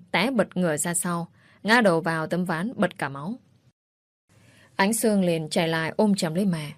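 Low-voiced woman narrating a story. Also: a little mellow, dry recording.

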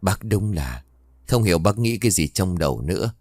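A man's voice: deep voice, lively intonation, moderate pace, darkish tone, no echo. A man voicing a puzzled village father. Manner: puzzled, questioning.

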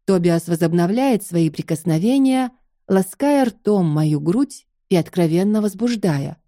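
A woman narrating an audiobook in a calm, even reading. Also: fairly low pitch, a little slow.

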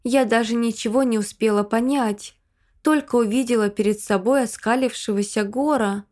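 A woman's voice: a little high, moderate pace, darkish tone. A woman reading first-person fantasy fiction as an audiobook narrator.

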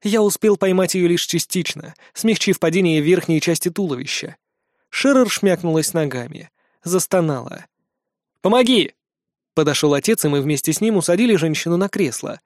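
A man narrating a first-person audiobook in a lively, vivid storytelling manner. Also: fairly high pitch, brisk, no room sound, studio quality.

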